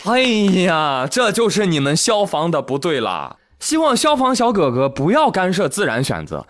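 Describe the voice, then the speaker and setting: Animated man telling funny news stories. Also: on the high side, moderate pace. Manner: animated storytelling, acts out every character in quotes; laughs often while talking. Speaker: talk show host. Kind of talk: comic news talk show.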